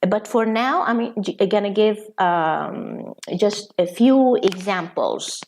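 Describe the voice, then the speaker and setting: A woman's voice: mid-range voice, slow pace, darkish tone. A woman teaching English pronunciation, reading word lists aloud with frequent fillers and restarts. Her first language is Arabic. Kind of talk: slow instructional lesson.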